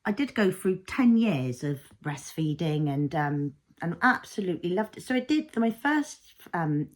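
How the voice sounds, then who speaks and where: A woman talks in a fairly low voice. She rambles thoughtfully in a casual vlog, leaning on fillers as she works through her feelings. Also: very animated, unhurried. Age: 30s. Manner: rambling, reflective, filler-heavy. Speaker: vlogger, mother.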